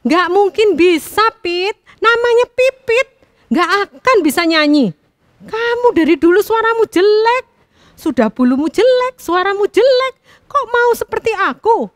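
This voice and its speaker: A woman voicing a proud, arrogant songbird that boasts and scolds in a shrill voice for a children's story. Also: expressive, a little slow, no echo, clean studio sound. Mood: mocking.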